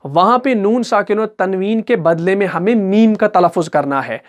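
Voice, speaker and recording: A man with an Urdu-speaking accent teaching Quran recitation rules step by step, asking questions and answering them himself, and chanting example words slowly with drawn-out syllables. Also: sits high. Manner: patient, repeats each example slowly. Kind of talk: step-by-step tajweed lesson.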